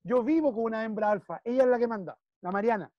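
A man's voice: sits high, fast talker, no room sound, muffled recording. A man with a Chilean accent coaching a client one-on-one, emphatic and repeating key phrases while he checks in. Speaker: business consultant.

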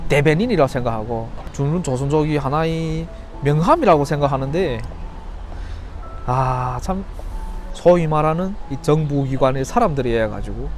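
Male vlogger, Yanbian Chinese-Korean accent, slightly high voice, critical and questioning, unscripted commentary over music. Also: moderate pace. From Yanbian, China. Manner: earnest, critical, rhetorical questions. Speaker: YouTuber and football fan commentator. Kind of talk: unscripted opinion vlog commentary.

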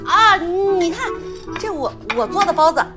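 An actress playing a doting middle-aged housekeeper who fusses and coaxes, chattering in a TV drama. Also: female voice, very high voice, expressive, a little slow. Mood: coaxing. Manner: fussing, coaxing, chattering. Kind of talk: TV drama acting. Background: music.

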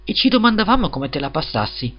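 A man's voice: a little high, very animated, quick pace, voice pushed up. A man reading a storybook and voicing a greedy, self-serving miller who wheedles and preaches about friendship. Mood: affabile. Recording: slightly dull lo-fi recording.

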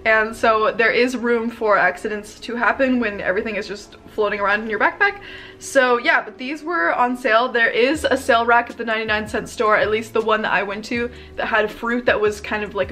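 A woman's voice: fairly high pitch, moderate pace, bright, forceful tone, soft background music. A young woman in her twenties talking casually to camera in her bedroom, bubbly and gushing, with lots of "like" and "um". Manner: bubbly, chatty, gushing, frequent "like" and "um". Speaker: vlogger. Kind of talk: casual haul video.

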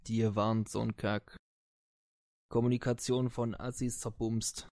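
A man's voice: fairly low pitch, flat delivery, unhurried, darkish tone, dry recording, studio quality. A man playing a crude, foul-mouthed soldier being questioned in a tabletop role-play, swearing and dismissive in his slangy answers. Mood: scornful. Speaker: game master voicing a character.

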